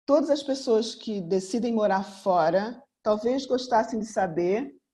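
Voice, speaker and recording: A woman's voice: medium pitch, unhurried, warm tone. Earnest Brazilian woman giving a seminar talk. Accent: Brazilian Portuguese. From Rio de Janeiro, Brazil. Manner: earnest, returns again and again to one rhetorical question. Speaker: mentor and therapist. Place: room before a live audience.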